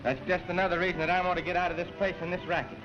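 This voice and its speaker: A man's voice: high voice, level tone, rapid-fire. An actor playing an earnest, worried young man, speaking eagerly, in early talkie film sound. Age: young adult. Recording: dull 1920s film soundtrack with music.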